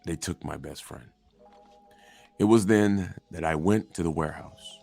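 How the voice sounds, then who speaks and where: A man with a very low voice tells a story in the first person. He swings between hushed asides and sudden bursts for the quoted lines, and soft music plays faintly under him. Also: a little slow, creaky. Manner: dramatic, swings from quiet asides to shouted quotes.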